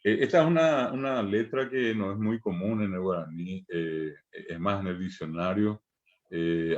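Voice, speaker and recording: Deep-voiced Paraguayan teacher, patient. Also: male voice, dull audio. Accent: Paraguayan Spanish. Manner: explains patiently, repeating example words, frequent eh fillers. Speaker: language teacher. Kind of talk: online language class.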